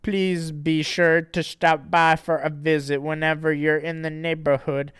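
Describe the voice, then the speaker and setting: A calm young woman from a homemade comic speaks in a mild, prim, sing-song way, as a man puts her on. The voice sits somewhat raised and stays smooth and clear. The recording is dry. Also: a little high, unhurried, no echo, voice pushed up.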